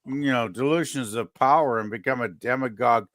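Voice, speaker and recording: A man co-hosting a casual live stream, joking sarcastically in lively banter. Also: medium pitch, fairly quick, no room sound. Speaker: podcast co-host.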